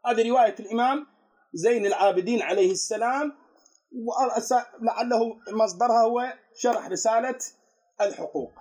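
A man with an Iraqi Arabic accent teaches religious students as a cleric. His voice sits very high and he talks quickly, often posing questions to his listeners before answering them himself. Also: darkish tone. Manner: explanatory, poses rhetorical questions to his students. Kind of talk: religious lesson.

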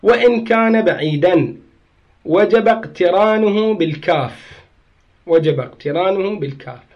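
A man's voice: high voice, animated, normal speed, a little mellow, dull audio. A man with an Iraqi Arabic accent teaching grammar to a class, reading from a text, repeating key phrases and quizzing his students.

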